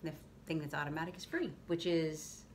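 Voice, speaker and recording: A woman's voice: deep voice, steady tone, moderate pace. A woman hosting a vlog, explaining things in loose, rambling casual chat. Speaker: vlog host. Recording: faint background noise.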